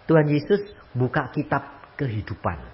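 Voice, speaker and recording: An older man preaching a sermon, telling stories, jumping from loud high exclamations to low quiet asides. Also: expressive, moderate pace, slight background noise. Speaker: pastor. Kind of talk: sermon with storytelling. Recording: muffled lo-fi recording.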